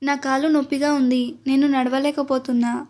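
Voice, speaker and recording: A woman's voice: high voice, flat delivery, normal speed, a little mellow, slight background noise, natural voice. A woman voicing an innocent, frightened young queen who pleads and complains in a storybook tale. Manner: fearful, pleading. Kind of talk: storytelling narration.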